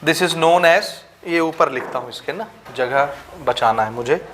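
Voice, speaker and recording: A high-pitched man teaches a maths lesson, counting numbers aloud and checking again and again that his students understand. A faint hiss sits behind his voice. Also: a little slow. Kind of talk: classroom lecture.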